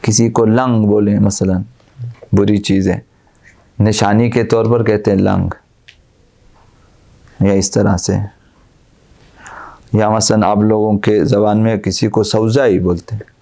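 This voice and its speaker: A man's voice: lowish voice, little pitch movement, creaky, pauses often, dark tone. A male Islamic cleric giving a religious lecture, quoting Arabic verses and explaining each one through repeated everyday examples.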